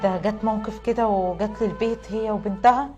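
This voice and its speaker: A woman's voice: mid-range voice, steady tone, music in the background, natural voice. A woman with an Egyptian accent plays a stingy, defensive young wife who argues with her husband in a comedy sketch. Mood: sulky. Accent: Egyptian Arabic. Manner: quick, argumentative, whiny. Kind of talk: web comedy sketch acting.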